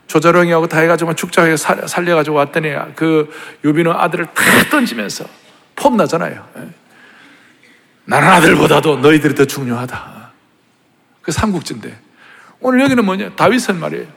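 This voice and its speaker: A man preaching a sermon with a high, gravelly voice, caught by the long reverb of a large church sanctuary. He tells the story dramatically, dropping to hushed tones and rising to shouts. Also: animated, fast talker. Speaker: pastor.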